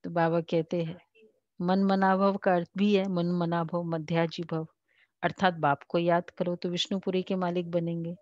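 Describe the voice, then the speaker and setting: An Indian woman giving a devotional class, slowly reading and explaining scripture, raising her voice when she quotes. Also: fairly low pitch, little pitch movement, a little mellow, dry recording, highs cut off. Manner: slow, explanatory, quotes the Father in a raised voice. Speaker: spiritual teacher.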